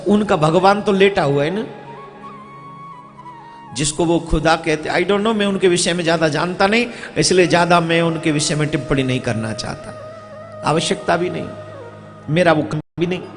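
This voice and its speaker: A man giving a devotional sermon to a live crowd, telling a story, acting out its characters and scolding the listeners. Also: sits high. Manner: scolds and exhorts the audience. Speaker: religious storyteller. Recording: echoey hall with music.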